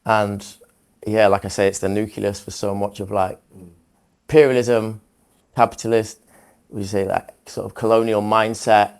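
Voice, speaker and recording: Male host from England, low gravelly voice, earnest, casual swearing. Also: level tone, normal speed, a little mellow. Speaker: host, music producer. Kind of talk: casual conversation.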